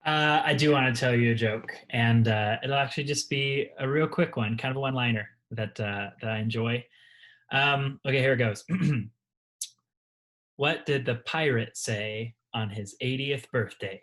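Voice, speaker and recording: A man's voice: mid-range voice, normal speed, a bit bright. A man who is a guest musician, talking casually in a hesitant, reflective way with many ums and restarts. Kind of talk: casual interview chat.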